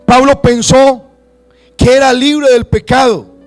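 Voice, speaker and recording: A Colombian man preaching a sermon to his congregation, rising to shouts and acting out churchgoers' excuses. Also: very high-pitched, little pitch movement, slow, faint music behind. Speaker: pastor.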